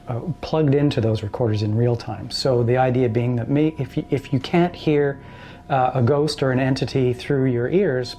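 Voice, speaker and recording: A man, a paranormal researcher telling his experiences in a casual, animated way. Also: mid-range voice. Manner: animated storyteller, acts out quoted voices. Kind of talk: casual storytelling interview.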